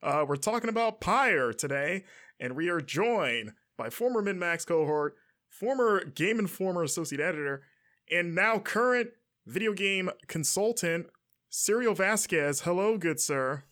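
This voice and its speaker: A man's voice: sits high, animated, measured pace, a bit bright. A man hosting a podcast in a casual, conversational style. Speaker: podcast host.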